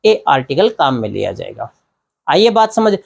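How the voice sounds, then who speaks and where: A man's voice: fairly high pitch, big pitch swings, normal speed, vocal fry, husky. A man teaching an English grammar lesson. He explains step by step, repeats each point, and keeps checking in with the class. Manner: explains step by step, repeats key points, often asks "theek hai na".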